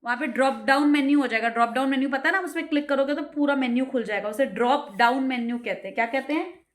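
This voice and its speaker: A woman tutoring a child at home. She reads each English step slowly, explains it in Hindi, and drills with repeated questions. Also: high voice.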